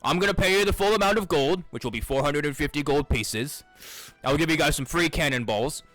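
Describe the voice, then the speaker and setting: A man voicing a gruff male dwarf shipwright who talks bluntly and crudely, swearing often. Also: fairly high pitch, brisk, a bit bright, no echo, soft background music, pitched above the performer's own voice, close to an everyday voice, rough recording. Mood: scheming.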